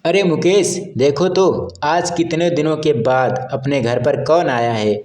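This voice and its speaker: A man's voice: a little high, measured pace, a little mellow, pitched above the performer's own voice, close to an everyday voice. A man voicing an upset young wife who argues and pleads with her husband in a narrated story. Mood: cheerful. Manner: pleading, indignant. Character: upset young wife, defensive then remorseful. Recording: roomy echo.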